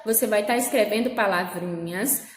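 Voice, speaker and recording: A woman's voice: medium pitch, moderate pace. A woman with a Brazilian Portuguese accent, a primary school teacher patiently explaining a worksheet to young children, checking often that they follow. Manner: patient, repeats and checks with "certo?", uses diminutives. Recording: echoey room with long reverb.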